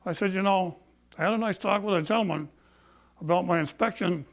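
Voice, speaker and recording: Breathless older man, high creaky voice. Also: a little fast. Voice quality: breathless from COPD. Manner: folksy, plain-spoken, indignant. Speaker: barber. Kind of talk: personal storytelling, complaint.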